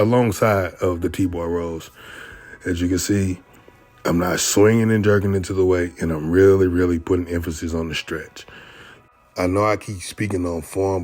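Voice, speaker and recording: A man with a low, deep voice talks through his training in a laid-back coaching tone. He explains his technique conversationally and keeps checking in with the listener, with faint music playing underneath. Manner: relaxed, conversational, repeats "you know what I mean". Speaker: bodybuilder narrating his workout. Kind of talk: casual instructional voice-over.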